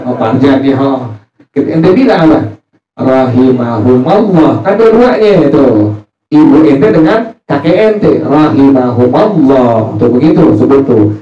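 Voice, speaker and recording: A man teaching a religious study group in a casual, joking way, often putting questions to his listeners and answering them himself. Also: medium pitch. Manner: jokey, asks the audience questions and answers himself. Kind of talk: informal religious study sermon. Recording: roomy, distant, muffled, faint music.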